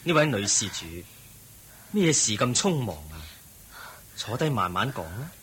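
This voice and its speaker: A man with a Hong Kong Cantonese accent playing the Buddha as a calm, gentle and wise teacher in a radio drama. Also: mid-range voice, slight background noise. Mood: calm counsel. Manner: gentle, measured, preaching.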